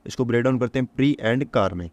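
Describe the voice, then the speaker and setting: A man with a medium-pitched, slightly mellow voice teaches exam-prep vocabulary at a quick pace, recorded with no room sound. He keeps putting rhetorical questions to the listener, answers them himself, and repeats every memory trick to drill it in.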